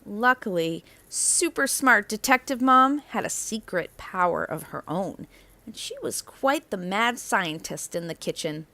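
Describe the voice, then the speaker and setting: A woman reads a children's picture book aloud at a measured pace, her mid-range voice captured in a dry recording. She narrates expressively, emphasizing and elongating key words.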